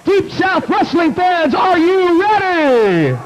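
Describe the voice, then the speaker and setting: A man working as a ring announcer, making grand entrance announcements with booming, drawn-out calls to the crowd. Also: very animated, muffled recording, background noise. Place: wrestling event in a recreation center, over the PA.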